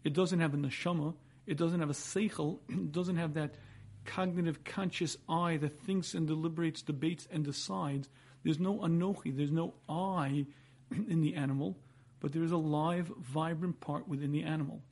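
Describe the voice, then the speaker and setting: Man, rabbi lecturing, husky, mellow, throat-clearing, emphatic repetition. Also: on the high side, steady tone, moderate pace. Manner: emphatic, rhetorical questions and repetition. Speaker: rabbi giving a Torah lecture. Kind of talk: religious lecture, explanatory teaching.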